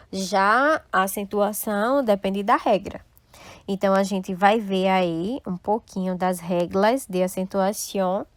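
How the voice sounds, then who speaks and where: Lady teacher, talks slow and patient, keeps checking in, super dry close sound. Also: mid-range voice, dry recording. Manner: patient, explains step by step, checks with "tá?". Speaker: Spanish teacher. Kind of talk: recorded online class.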